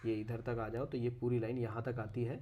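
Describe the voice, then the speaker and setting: An educational video creator gives a casual, chatty walkthrough of a map, speaking a little fast at medium pitch with little pitch movement on a muffled recording. He keeps saying "okay" between points, catches and corrects his own slips and pronunciation, and addresses the viewer as "brother."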